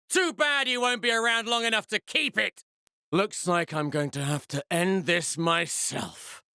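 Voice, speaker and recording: A man's voice: high voice, gravelly, bright, forceful tone, no echo, clean studio sound, exaggerated voice. A man playing an arrogant mad-scientist villain in a video game, speaking with precise, theatrical, pompous menace. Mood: enraged, commanding. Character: the Baron, arrogant male mad-scientist villain, cold and gloating.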